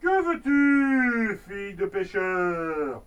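A woman voicing a stern dragon king in a children's story, slow and commanding. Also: mid-range voice, very animated, clear, resonant tone, distant mic, highs cut off. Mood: solemn.

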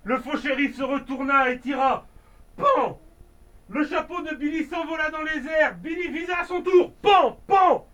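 A man's voice: extremely high pitch, fairly even intonation, moderate pace, hardly any pauses, a bit bright, far from the mic. A father reading a children's storybook aloud at home, playful, adding sound effects and dramatic asides.

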